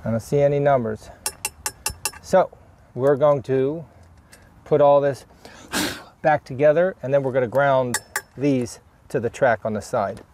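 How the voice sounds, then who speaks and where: Working through a vehicle repair for his DIY vlog, a man offers loose, unscripted narration, thinking aloud in short, plain remarks. His mid-range voice is a little mellow and a little slow, with long pauses, and there's a slight hiss or hum.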